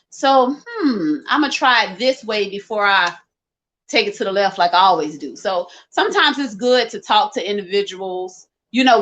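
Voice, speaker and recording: Woman, middle-aged, slightly high-pitched, informal livestream host, colloquial, rambling, emphatic repetition, casual advice-giving. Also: fairly bright tone. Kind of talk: casual chat to live viewers, giving advice.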